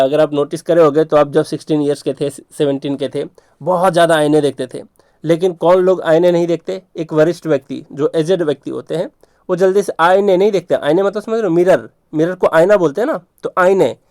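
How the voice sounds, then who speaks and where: A man's voice: a little high, darkish tone, dry recording. Man teaching vocabulary, dry close sound. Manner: repetitive, checks in often with rhetorical questions. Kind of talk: exam vocabulary lesson.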